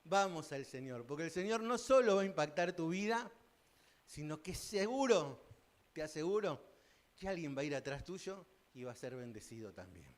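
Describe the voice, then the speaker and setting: A man with an Argentine accent preaching a sermon as pastor, folksy and joking, his voice swinging from loud bursts to hushed asides. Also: a little high, lively intonation, normal speed. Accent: Argentine Spanish. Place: church sanctuary.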